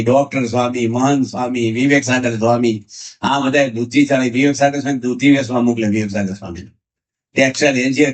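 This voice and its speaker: A man's voice: medium pitch, low-quality recording. A man giving a devotional discourse as a swami, telling stories with quoted dialogue and urging his listeners.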